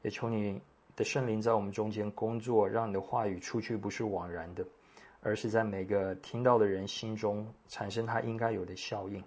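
Guy preaching, reads scripture slow and careful, pauses a lot. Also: lowish voice, flat delivery, darkish tone, slightly rough. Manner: measured, deliberate reading with pauses and restarts. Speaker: pastor. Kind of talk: sermon with scripture reading. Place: church meeting room.

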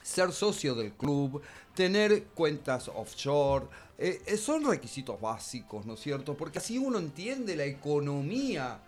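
A man's voice: a little high, big pitch swings, unhurried, few pauses. A man on a comedy radio show voicing a fawning, pompous pro-government commentator with an Argentine accent, rambling through filler tags. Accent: Argentine Spanish. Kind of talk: improvised satirical radio sketch.

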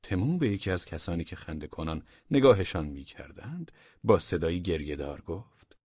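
A man narrating a humorous story as an audiobook, in a warm, measured way with soft half-whispered passages. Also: deep voice, animated, breathy edge, no room sound. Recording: dull lo-fi dry audiobook recording.

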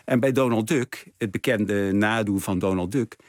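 A man's voice: lowish voice, moderate pace, no echo, clean studio sound. A man guest in a radio interview, explaining with enthusiasm and plenty of fillers. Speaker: exhibition curator, guest. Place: radio studio.

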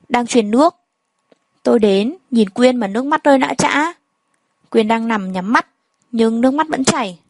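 A woman's voice: on the high side, no echo, rough recording. A woman reading a first-person story aloud and speaking all the characters' lines in much the same voice. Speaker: narrator.

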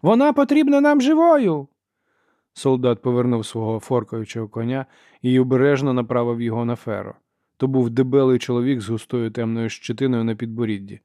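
A man reading a novel aloud as an audiobook narrator, in steady, measured storytelling. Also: medium pitch, no echo, clean studio sound. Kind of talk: scripted narration.

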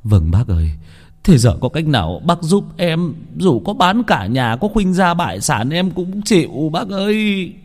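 A man's voice: on the high side, big pitch swings, long reverb tail, pitched above the performer's own voice, full character voice. A man playing a pleading, tearful old father. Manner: soft and slow with his son, pleading and tearful with the sorcerer.

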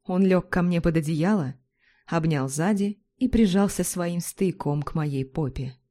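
A woman narrating a first-person story in an even, confessional tone. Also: on the low side, unhurried.

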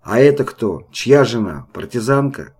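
A man reading an audiobook, voicing a brutal red-haired sergeant who shouts threats and sneers. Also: mid-range voice, lively intonation, unhurried, slightly rough, voice pushed up. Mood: sneering.

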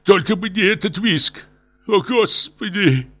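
A man voicing a drunk, distraught middle-aged professor who pleads in high, drawn-out wails. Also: expressive, fairly bright tone. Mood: hysterical.

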